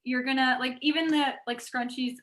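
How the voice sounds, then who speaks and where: A woman's voice: sits high, steady tone, moderate pace, a bit bright. A woman chatting as a guest on a video call, bubbly and full of "like" and laughs. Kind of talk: casual chat.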